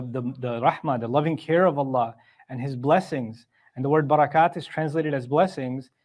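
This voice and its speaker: Brief: male Quran teacher, slightly higher-pitched voice, chatty explainer who recites Arabic verses and checks in with his listeners. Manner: conversational, asks rhetorical questions. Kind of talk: Quran commentary lecture.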